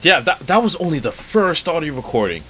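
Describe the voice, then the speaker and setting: A man's voice: fairly high pitch, big pitch swings, fairly quick, heavy background noise. A man hosting a reaction video, commenting casually and incredulously in slangy talk addressed to the characters.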